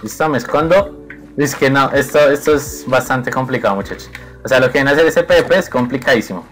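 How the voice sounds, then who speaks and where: This young man speaks with a voice of ordinary middle pitch. He talks quickly and playfully over his gameplay, taunting his opponent and breaking into laughs. Soft music plays faintly underneath. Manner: playful, teasing the opponent, frequent laughter and exclamations. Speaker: gaming video creator. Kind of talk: excited gameplay commentary.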